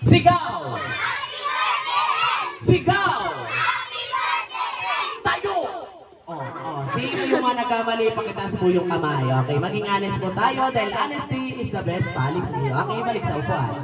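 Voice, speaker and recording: A woman hosting a birthday party game, playfully calling out loud commands to the players. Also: mid-range voice, lively intonation, quick pace, hardly any pauses. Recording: echoey room, far from the mic. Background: noisy crowd of guests.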